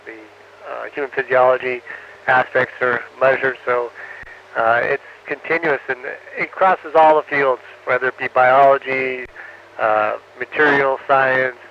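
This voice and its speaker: A man's voice: medium pitch, creaky, a little hiss or hum. Man on a muffled, breaking-up space radio link. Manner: halting, with frequent "uh" fillers. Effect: radio downlink from space, muffled and breaking up. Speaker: astronaut answering students. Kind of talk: radio Q&A, ending each answer with "over". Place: on board the space station.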